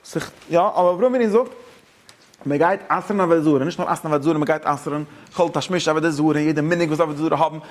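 A man teaching a Torah lesson, talking excitedly with stumbling restarts and English words mixed in. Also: fairly high pitch, quick pace. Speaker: religious teacher.

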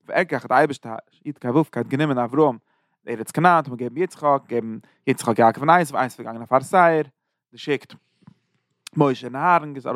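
Brief: male teacher, rapid run-on explaining, dry close sound. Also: mid-range voice, no room sound. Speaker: Torah teacher. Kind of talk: chapter lesson in Yiddish-flavored German.

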